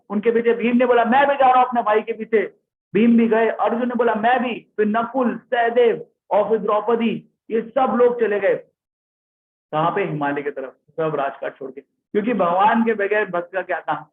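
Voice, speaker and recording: A man narrating a devotional story in a live sermon, lively and often checking in with his listeners. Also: high voice. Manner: lively, checks in with listeners, reads out chat names. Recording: tinny phone-like sound.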